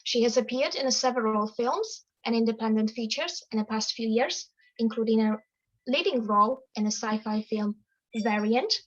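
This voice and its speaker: A woman co-host introducing her guest and asking questions, reading in a measured, formal way over a video call. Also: on the high side. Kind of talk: scripted guest introduction, then interview questions. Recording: dull lo-fi call audio.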